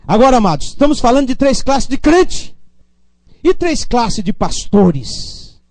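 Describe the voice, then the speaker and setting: A man from Brazil preaching a sermon as a pastor, calling for amens and swinging between low asides and loud appeals. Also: very animated, measured pace, dry recording.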